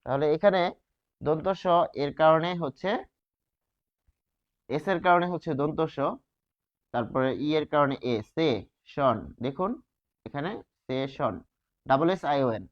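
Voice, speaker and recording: A man teaching a grammar lesson, posing rhetorical questions and answering them, stretching key words slowly. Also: fairly high pitch. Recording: dull lo-fi sound.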